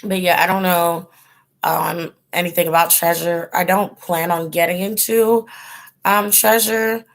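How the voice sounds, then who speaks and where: Her voice is fairly low, steady and a little slow as she chats with live viewers on her tarot channel's casual livestream. She rambles, filling in with ums and likes, and she is losing her voice.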